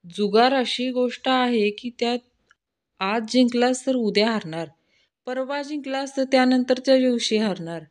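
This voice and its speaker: A stern middle-aged father, as a woman reads him out, delivering a preachy warning to his son. He speaks slowly and with heavy emphasis, in a fairly high voice. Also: close to an everyday voice. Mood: lecturing.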